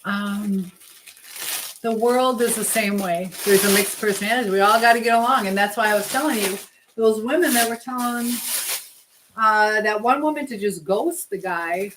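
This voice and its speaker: At medium pitch and a moderate pace, a livestream host chats casually with her viewers and reads out their comments in a conversational way. Noticeable background noise and clicks run through the recording.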